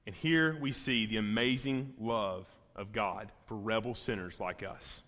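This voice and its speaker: A man's voice: on the low side, unhurried, a bit bright. Man preaching in a reverberant hall. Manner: earnest preaching, voicing biblical figures with small restarts. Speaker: pastor. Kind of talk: sermon. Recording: long reverb of a large hall.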